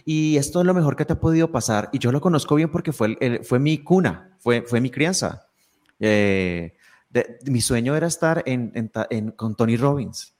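A man talking as a podcast guest in an easy, reflective way. He explains his ideas step by step and often restarts his sentences. His pitch sits right in the middle for a man. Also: lively intonation, moderate pace, darkish tone. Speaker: guest speaker. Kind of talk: conversational podcast talk.

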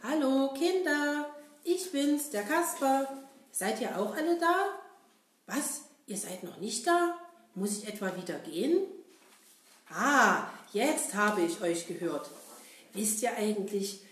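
A woman voicing a cheerful, cheeky male puppet jester, talking excitedly to children. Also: fairly high pitch, slow. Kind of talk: children's audio puppet play. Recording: roomy echo.

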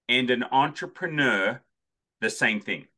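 A man's voice: mid-range voice, unhurried, sharp tone. A man hosting an interview, chatty and joking, asking playful questions. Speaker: podcast host. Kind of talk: casual interview conversation.

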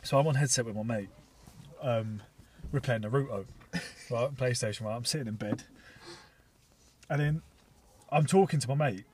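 A young man, a podcast co-host and new father, tells stories in lively, swearing casual chat full of laughter. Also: mid-range voice, moderate pace, pauses often, distant mic, a little hiss or hum. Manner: animated storyteller, swears, laughs.

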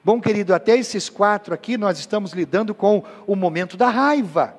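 Man, sermon, emphatic preacher, very high voice. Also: animated, moderate pace. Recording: long hall reverb.

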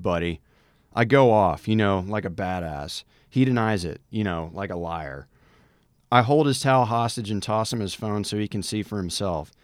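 A man with a fairly low voice reads a listener's story aloud on a podcast. He sounds wry and stops for dramatic pauses before each section title. The sound is dry and close, with no room echo. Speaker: podcast co-host.

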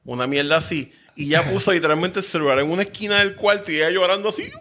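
Puerto Rican man, young, casual storyteller, forceful bright tone. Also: quick pace. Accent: Puerto Rican Spanish. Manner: animated storyteller, swears often, squeaky when quoting himself. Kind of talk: casual chat.

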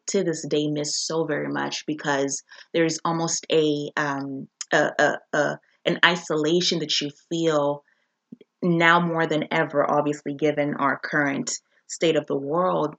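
On a lo-fi recording, a deep-voiced woman from Zambia opens her casual solo podcast. She speaks earnestly and reflectively as its host, frequently starting over mid-thought.

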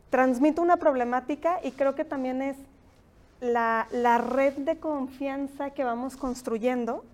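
Woman, Mexican accent, high voice, podcast host, reflective conversational tone. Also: darkish tone. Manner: reflective, thinks aloud with frequent "¿no?" tags. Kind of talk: conversational interview.

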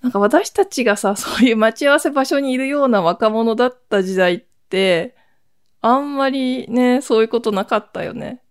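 A woman's voice: fairly high pitch, normal speed, clean tone. A woman hosting her own podcast, talking alone in a casual, chatty way with lots of rambling asides. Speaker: podcast host. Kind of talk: casual solo podcast chat.

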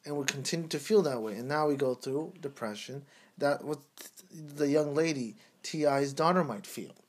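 A man's voice: fairly high pitch, moderate pace. A man in his thirties co-hosting a casual talk show, speaking in an earnest, preachy, emphatic way. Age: 30s. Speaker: podcast co-host.

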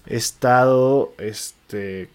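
A man with a Mexican accent speaks extremely slowly and smoothly at a medium pitch. He reads posts aloud to a friend in a relaxed, casual chat, with slangy asides and frequent restarts.

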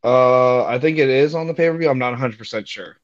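A man's voice: medium pitch, fast. A man giving his views casually as a panelist in a sports discussion. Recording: dull, muffled lo-fi sound.

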